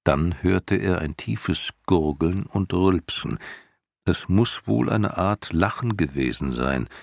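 A man reading a story aloud in measured scripted narration. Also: low voice, expressive, gravelly, darkish tone, dry recording. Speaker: audiobook reader.

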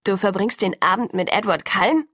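A woman voicing a gruff, protective middle-aged father who blusters and speaks in short bursts, reading an audiobook. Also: fairly low pitch, normal speed, no echo, studio quality. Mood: blustering. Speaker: audiobook reader.

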